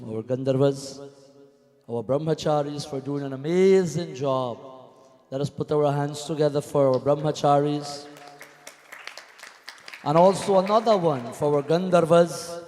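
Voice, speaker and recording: High-voiced man preaching in a reverberant hall. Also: moderate pace, pauses often, a little mellow, slight background noise. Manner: exhortative, rhetorical questions and repeated phrases. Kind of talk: devotional sermon and welcome to a congregation. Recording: reverberant hall, music behind.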